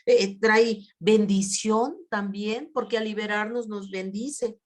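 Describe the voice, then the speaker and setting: Woman, middle-aged, mid-pitched preacher, chatty sermon delivery, repeats words. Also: fairly even intonation, takes it slowly. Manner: conversational, tag questions, repeated words, acts out prayers.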